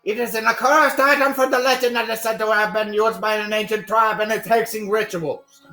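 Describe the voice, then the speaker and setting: A man's voice: high-pitched, steady tone, a little fast, sharp tone, reverberant, faint music behind. A man voicing an eerie, melodramatic mask salesman from a video game, reading the dialogue aloud. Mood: ominous. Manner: melodramatic, swinging from solemn to shrieking. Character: eerie, theatrical mask salesman, pleading and frantic.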